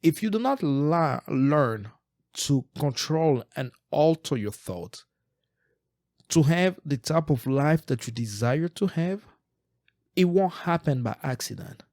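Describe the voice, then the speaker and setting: Slow and earnest, a forties-aged man from Eastern Congo muses casually as a podcast co-host, frequently going back to repeat words and restart sentences. His voice is on the high side with a darkish tone and lively intonation, recorded in studio quality with no room sound.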